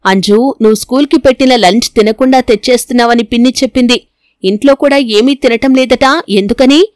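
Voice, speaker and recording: A storybook father, brisk and placating, put on by a woman narrator. The voice sits fairly high. The recording is close and dry. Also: a little mellow, dry recording, lightly acted. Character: widowed father, hurried and uneasy.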